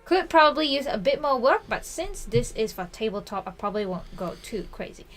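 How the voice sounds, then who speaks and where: A woman's voice: on the high side, very animated, brisk, soft background music. A woman co-hosting a casual review stream, chatty and upbeat, giving painting feedback and reading out notes. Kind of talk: casual chat.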